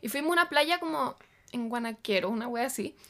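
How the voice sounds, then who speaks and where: A woman's voice: fairly high pitch, lively intonation, brisk, pushed and bright. A young woman with a Chilean accent in casual chat, slangy and self-mocking as she tells a story. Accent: Chilean Spanish. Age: young adult.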